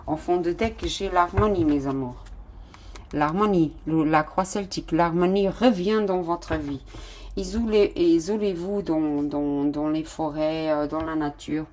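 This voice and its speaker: A woman's voice: low-pitched, a little mellow. Woman tarot reader. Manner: affectionate, calls listeners "my loves", many fillers. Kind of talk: casual tarot reading.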